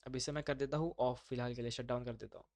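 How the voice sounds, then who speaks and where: A man's voice: mid-range voice, steady tone, fast talker, creaky, a little mellow, no echo, clean studio sound. A man teaching a live online class, talking students through steps in an informal, chatty way. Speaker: instructor.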